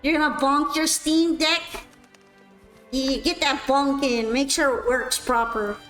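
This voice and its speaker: A woman streams a game and chats with viewers in a loose, self-mocking way. Her voice sits high. Faint game music plays underneath. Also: fairly even intonation, a little slow, a bit bright, poor audio. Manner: chatty, self-mocking, answers chat. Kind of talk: casual chat while gaming.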